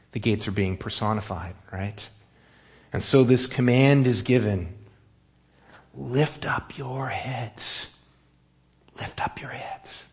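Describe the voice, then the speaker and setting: Lower-voiced man preaching conversationally. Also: darkish tone. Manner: conversational, asks the room questions. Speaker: pastor. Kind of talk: sermon.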